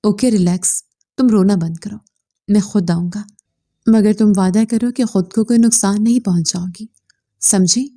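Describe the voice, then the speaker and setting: A woman's voice: medium pitch, steady tone, normal speed, warm tone, close to an everyday voice. A woman voicing a young man who is a worried, firm lover in an audio novel, scolding in a cold, stern tone.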